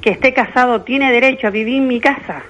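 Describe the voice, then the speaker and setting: A woman's voice: a little high, quick pace, fairly bright tone. An older woman calling in to a radio show over the phone, chatty and affectionate, hesitating with fillers as she asks her question. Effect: caller heard over a phone line. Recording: dull muffled phone line.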